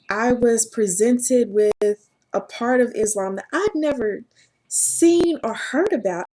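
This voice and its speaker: A woman telling her personal story to camera in an earnest, halting way, often laughing at herself. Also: on the high side, darkish tone. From Southern United States. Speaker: vlogger.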